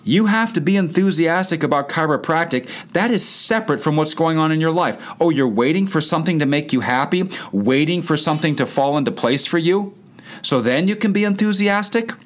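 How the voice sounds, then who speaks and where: A man's voice: a little high, lively intonation, a little fast. Emphatic man giving a motivational talk. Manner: emphatic, repetitive, rhetorical questions. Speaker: chiropractic practice coach.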